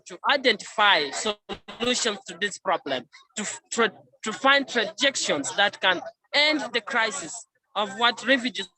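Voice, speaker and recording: A man's voice: high-pitched, rough recording. Earnest man at an outdoor protest. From South Sudan. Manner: earnest, insistent, halting. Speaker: refugee spokesman at a protest. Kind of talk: press conference testimony over a call. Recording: crowd noise from an outdoor protest. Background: crowd.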